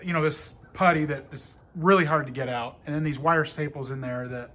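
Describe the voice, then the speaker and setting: A man's voice: on the high side, a little fast, a bit bright, slight background noise. Chatty man vlogging from an old factory. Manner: chatty, rambling with many "uh" fillers. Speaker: vlogger renovating an old building. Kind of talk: casual storytelling vlog. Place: large empty old factory floor, indoors. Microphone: phone held at arm's length.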